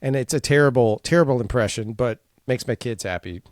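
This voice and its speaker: Man, podcast co-host, casual chat, laughing, halting, mid-pitched, dry close sound. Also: darkish tone, no room sound. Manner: laughing, self-deprecating, halting.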